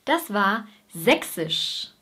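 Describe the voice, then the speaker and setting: Slow-speaking Bavarian woman presenting a lesson. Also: mid-range voice, sing-song, pushed and bright, slightly rough. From Bavaria, Germany. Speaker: German teacher and video host. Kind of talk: scripted teaching presentation.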